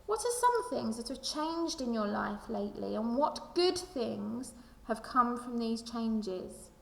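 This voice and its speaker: Her voice is a little high and fairly bright, sing-song and slow, with vocal fry. A primary school teacher, she reads a storybook expressively to children, speaking to them directly and asking reflective questions. The recording has a strong, lingering echo.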